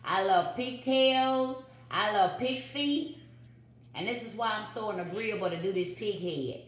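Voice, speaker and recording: A woman's voice: medium pitch, measured pace, a little hiss or hum. Chatty woman vlogging in an echoey kitchen. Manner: chatty, repeats catchphrases to viewers. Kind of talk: casual home cooking vlog. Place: home kitchen. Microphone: built-in phone mic on the counter.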